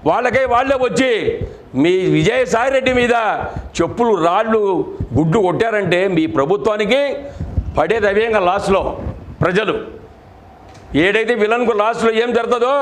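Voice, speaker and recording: A man's voice: sits high, slight background noise. A middle-aged man, a party district president, giving an angry political press statement full of accusing rhetorical questions. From Andhra Pradesh, India.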